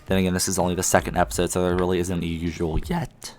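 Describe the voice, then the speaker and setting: A man's voice: sits low, flat delivery, fast. A young man hosting a casual podcast chat, rambling with lots of ums. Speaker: podcast host. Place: friend's house at night. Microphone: one mic shared with a co-host.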